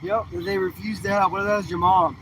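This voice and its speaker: A man outdoors on a city street, calmly explaining a situation in casual, matter-of-fact conversation. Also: high-pitched, fast talker, over a noisy crowd, low-quality recording.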